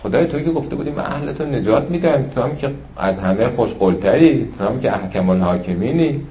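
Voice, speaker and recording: A man's voice: mid-range voice, expressive. Fervent male preacher with a roomy echo. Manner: shifts between fervent raised passages and hushed asides, slowly intoning scripture. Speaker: religious lecturer. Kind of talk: sermon.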